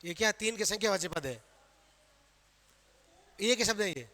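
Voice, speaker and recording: Male grammar teacher, high voice, Rajasthani Hindi accent, self-quizzing lecture style. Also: animated, normal speed, pushed and bright. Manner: quizzing students with questions he answers himself. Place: classroom. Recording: long reverb of a hall.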